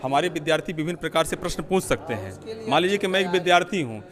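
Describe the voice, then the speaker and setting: A man's voice: on the high side, expressive, quick pace, a crowd in the background. A man interviewing teachers at an outdoor teaching fair, asking probing questions and explaining points at length.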